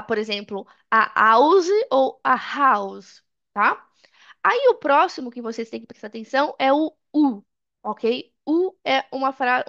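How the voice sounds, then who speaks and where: A woman from Brazil teaching a basic English lesson in Portuguese, saying English examples slowly and checking in with the class often. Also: a little high, vocal fry, fairly bright tone, highs cut off. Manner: slow drilled English examples, frequent "tá?" checks.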